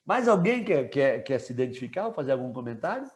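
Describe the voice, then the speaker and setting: A man teaching a live online class, relaxed and chatty, asking students questions and joking with them. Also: mid-range voice, fast.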